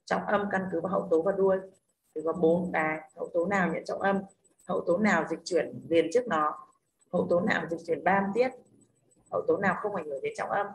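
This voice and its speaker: A woman's voice: lowish voice, fairly quick. A woman English teacher with a Northern Vietnamese accent leading an online class, explaining pronunciation rules step by step and checking in often with her students. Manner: explains step by step, keeps checking with "đúng không?".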